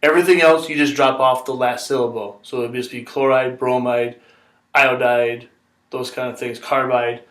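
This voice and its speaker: A man's voice: mid-range voice, fairly even intonation, moderate pace, a bit bright. Patient male chemistry teacher, echoey room. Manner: patient, repeats steps, checks in with "okay?". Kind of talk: classroom lesson explanation. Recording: echoey room, mic far off.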